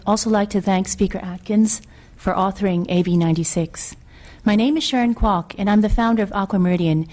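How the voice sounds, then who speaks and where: A woman's voice: medium pitch, mellow. Earnest middle-aged woman reading formal testimony. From Hong Kong. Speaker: witness testifying at a legislative committee.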